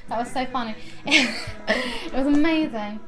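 A young woman vlogging to her camera, rambling excitedly and giggling as she chats. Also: high voice, unhurried, a crowd in the background. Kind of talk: casual chatty vlog.

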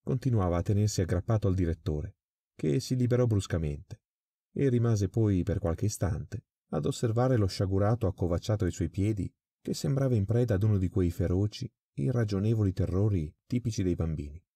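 A man narrating a classic crime story in a measured, dramatic way. His voice is deep and mellow, recorded close and dry. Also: no room sound. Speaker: audiobook reader.

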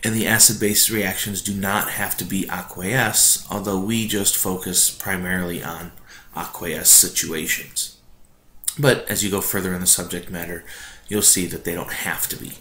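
A man's voice: low-pitched, fairly even intonation, normal speed, pushed and bright. A man teaching a recorded chemistry lesson in an informal, explanatory way, his voice echoing as if in a cave. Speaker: high school chemistry teacher. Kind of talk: recorded lesson narration, review lecture. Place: echoey room at home. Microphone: not his usual microphone, built-in or distant. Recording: echoey cave-like room, faint hiss, no proper microphone.

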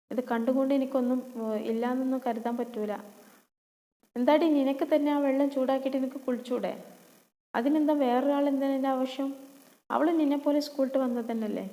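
A woman's voice: on the high side, dark tone, in a large hall, natural voice. A woman with a Malappuram accent voicing a caring little brother who earnestly defends his sister. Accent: Malappuram Malayalam.

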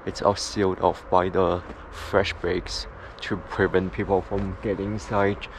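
Deep-voiced man vlogging among ruins. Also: flat delivery, a little slow, background noise. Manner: chatty, explaining on the move. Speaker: travel vlogger. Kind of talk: travel vlog narration.

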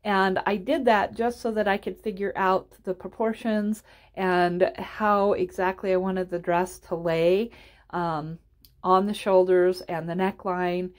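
A woman's voice: medium pitch, steady tone, measured pace. A woman giving a casual instructional voice-over as a tutorial host, explaining step by step in an encouraging way.

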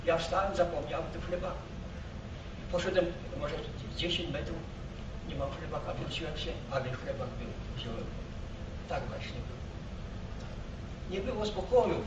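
An elderly man from Poland, a war veteran, recalling his past in a halting, rambling way, repeating himself and breaking off words. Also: high voice. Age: elderly, 80s or older. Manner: old man's halting, repetitive storytelling with broken-off words. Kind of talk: rambling spoken reminiscence. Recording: roomy, muffled, noisy, distant microphone.

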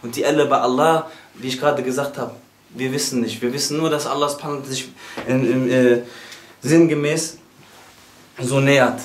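A man's voice: mid-range voice, fairly even intonation, a little fast, a little hiss or hum. Fervent male preacher in a roomy hall. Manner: fervent, emphatic, with repeated exclamations and restarts. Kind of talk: sermon to a gathering. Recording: roomy echo.

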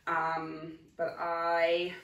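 Her voice is fairly low and fairly bright but completely flat in delivery. An Ohio thrift reseller in her forties, she shows off her haul item by item in a relaxed, chatty way full of ums, recorded indoors in her kitchen on a camera at a distance that picks up roomy sound.

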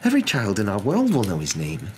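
Guy doing an older witch professor, pitched way up, stern but rattled, swoopy, storybook reading. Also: wildly swooping pitch, takes it slowly, a bit bright, a little hiss or hum, heavily acted. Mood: indignant. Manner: faltering, emphatic, indignant.

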